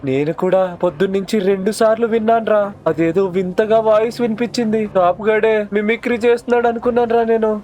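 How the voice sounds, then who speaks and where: A man's voice: high-pitched, fairly even intonation, fast, few pauses, a little mellow, lo-fi sound, close to an everyday voice. A man voicing a fussy, flustered uncle looking after kids in a cartoon dub. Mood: scolding. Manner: scolding, flustered.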